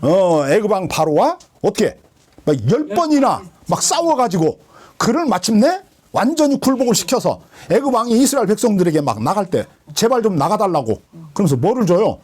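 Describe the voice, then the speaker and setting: A man's voice: high voice, sing-song, brisk. A man preaching who voices an elderly prophet urging a frightened people not to fear. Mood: urgent scolding. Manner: exhorting, scolding, rising to shouts.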